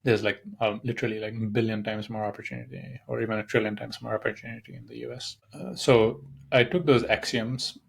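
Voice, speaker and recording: A man's voice: medium pitch, fairly even intonation, brisk, creaky, few pauses, slightly rough. A young man from Nepal hosting a solo podcast, talking casually and rambling with many fillers and restarts. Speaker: podcast host.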